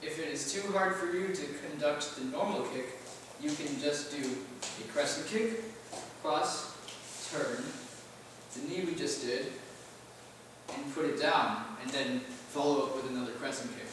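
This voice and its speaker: Martial arts guy calling out sharp commands, slow pace, big echoey noisy room, far off. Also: fairly high pitch. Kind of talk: group class instruction.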